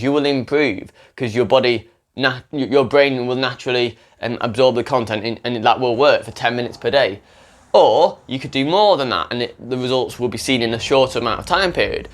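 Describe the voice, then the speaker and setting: A young man from an English-speaking country who tutors languages talks unscripted to camera. His mid-range, slightly bright voice rambles and self-corrects, often restarting sentences.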